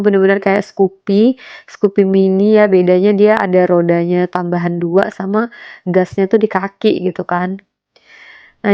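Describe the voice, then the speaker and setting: A young homemaker narrates a casual home vlog, chatting away with fillers like "gitu" and "guys," her voice a little stuffy from a cold. She has a medium-pitched, darkish voice on a dry recording.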